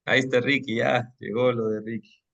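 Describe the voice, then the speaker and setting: A man's voice: mid-range voice, little pitch movement, moderate pace, vocal fry, a bit bright, muffled recording. Chuckling man moderating a book club call. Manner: friendly, chuckling, explains at length. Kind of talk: casual online meeting.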